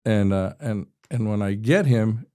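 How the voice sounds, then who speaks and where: Warm and lowish, a little slow, this Texan in his sixties speaks as a podcast guest. The state representative shares a personal story earnestly and vividly, frequently starting sentences over.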